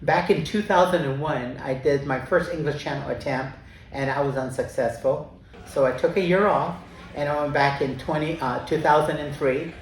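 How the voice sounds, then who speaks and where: Upbeat man in his seventies. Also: on the high side. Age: 70s. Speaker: swim team organizer. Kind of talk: documentary interview. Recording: roomy with faint noise.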